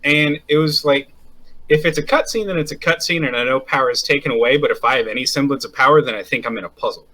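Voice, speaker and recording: A man's voice: mid-range voice, quick pace, pushed and bright, low-quality recording. A man playing in a casual tabletop game, chatty and reflective, thinking aloud with plenty of fillers. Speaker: player.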